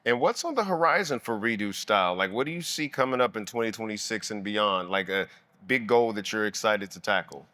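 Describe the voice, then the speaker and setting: Man host, bright dry voice; upbeat, encouraging interviewer. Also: on the low side, animated, fairly quick, dry recording. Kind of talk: conversational panel interview.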